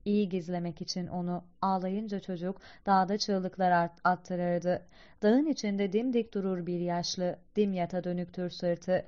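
A wise old guide poet, read by a woman narrator, explains the underworld in a grave, teaching tone. His lines come out in her smooth, resonant mid-range voice. The recording is slightly dull and lo-fi. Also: fairly low pitch, steady tone, unhurried, a little mellow, natural voice. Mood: calm.

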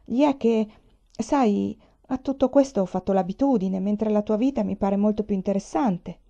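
A woman's voice: mid-range voice, normal speed, vocal fry, dark tone, close to an everyday voice. A woman voicing a nervous young man from a rich family who talks in a hurry, stammering and defensive. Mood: uneasy. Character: nervous young rich Chinese student, male. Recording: dull lo-fi recording.

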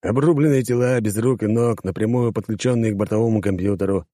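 A man's voice: lowish voice, fast talker, warm tone, no echo, studio quality, close to an everyday voice. A man voicing a joking, defensive male friend in an audiobook, talking in banter and excuses. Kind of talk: audiobook character voice.

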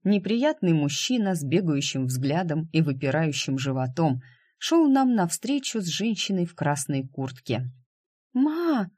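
A man reading a first-person novel aloud as an audiobook narrator, in a calm, even way. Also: fairly high pitch, moderate pace, dry recording, studio quality.

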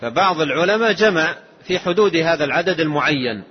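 A man giving a slow, measured religious lesson, explaining a text line by line. His voice is husky. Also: on the high side, lively intonation. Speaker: Islamic scholar. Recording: dull lo-fi lesson tape.

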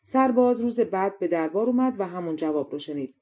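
A woman narrating a fairy tale audiobook in a calm, even storytelling manner. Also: medium pitch.

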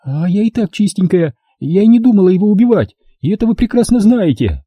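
A man's voice: lively intonation, normal speed, dark tone, breathy edge, no room sound. A man reading an audiobook, voicing a frightened, bitter drunk young woman who shrieks and spits insults, raising his voice well above his own. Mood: shrill. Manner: shrill, spitting insults.

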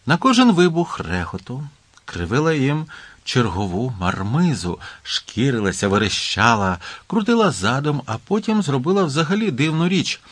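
A man narrating an audiobook in a lively, expressive reading voice. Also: mid-range voice, normal speed, breathy edge, dry recording. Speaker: audiobook reader.

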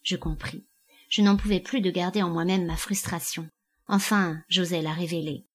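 A woman reading a first-person audiobook in a measured, expressive storytelling manner. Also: on the low side. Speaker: audiobook narrator.

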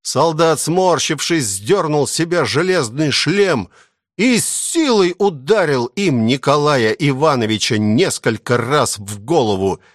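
A male narrator reads a literary novel with animated, expressive delivery. His voice sits fairly high and moves lively through its range. The recording is dry and close, with no room sound. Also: measured pace, no room sound. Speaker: audiobook narrator.

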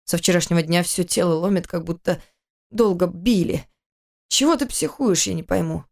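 A hoarse, grumpy man in his thirties, sick with fever, mumbling slowly and sullenly in a lowered voice, as a woman narrator puts him on. He sounds dull and puzzled in a storybook reading. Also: a little mellow. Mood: grumbling.

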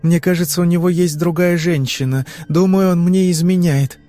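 A man's voice: high-pitched, fairly even intonation, warm tone, soft background music, pitched above the performer's own voice, lightly acted. Man voicing a frightened young woman in trance. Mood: uneasy. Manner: anxious, halting answers under hypnosis.

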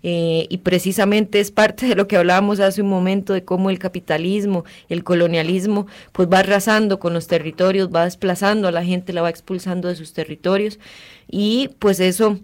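Community radio host, female, measured and reflective delivery. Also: medium pitch. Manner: calm, thoughtful, with frequent fillers.

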